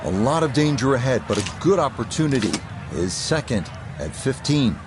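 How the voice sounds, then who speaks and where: A man giving measured golf commentary as lead announcer, appreciative of the shots he calls. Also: mid-range voice, big pitch swings. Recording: outdoor crowd and ambient noise behind. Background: crowd and outdoor ambience.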